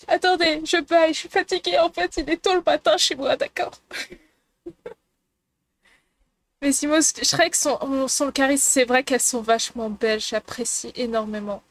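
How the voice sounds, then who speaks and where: A woman's voice: high voice, fairly even intonation, a little slow, long pauses. A woman streamer chatting casually and playfully with her viewers, giggling and teasing the chat.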